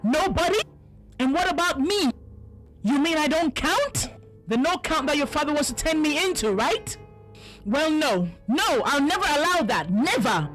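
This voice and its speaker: A furious proud mother, high-pitched. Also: very animated, normal speed, a bit bright, faint music behind. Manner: theatrical, threatening. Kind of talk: dubbed telenovela acting.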